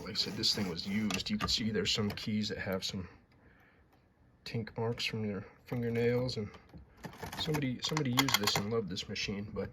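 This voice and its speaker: A man's voice: on the low side, noisy background. A man casually showing off and explaining a typewriter, rambling and repeating words with enthusiasm. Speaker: typewriter restorer. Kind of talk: casual show-and-tell.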